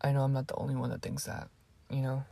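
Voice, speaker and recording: A woman's voice: extremely low pitch, monotone, fast talker, creaky, warm tone. A teenage girl telling stories to camera in a casual vlog, rambling and swearing freely with plenty of asides. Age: teens. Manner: rambling and profane, with fillers and asides. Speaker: vlogger.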